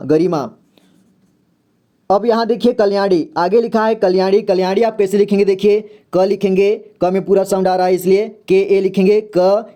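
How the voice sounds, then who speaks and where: Hindi-accented guy teaching spelling slowly, fairly high voice but soft and dark, keeps repeating himself. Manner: slow and repetitive, often says "theek hai". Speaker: English reading teacher. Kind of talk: step-by-step spelling lesson.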